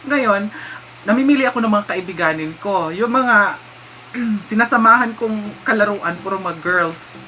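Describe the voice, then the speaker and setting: A man's voice: high-pitched, a little slow, sharp tone, a little hiss or hum. A man with a Visayan accent chatting casually through a vlog Q&A, giggly and slipping English phrases into his talk. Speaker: vlogger. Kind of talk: casual Q&A chat. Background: background music.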